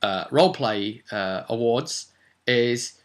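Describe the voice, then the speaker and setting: A man who works as a game master and host gives an informal advice monologue, taking it slowly in a mid-range voice. He's chatty and emphatic, often asking the listener rhetorical questions.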